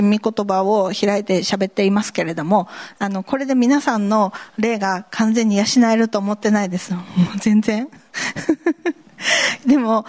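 A woman pastor preaching a lively sermon, asking the congregation questions and acting out voices. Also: mid-range voice. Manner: lively and animated, asks the congregation questions, laughs, mimics voices.

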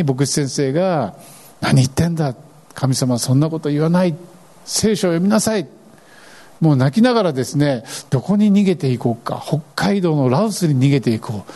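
Man, pastor, sermon, raised pitch, animated delivery. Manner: animated preaching, voices scripture lines.

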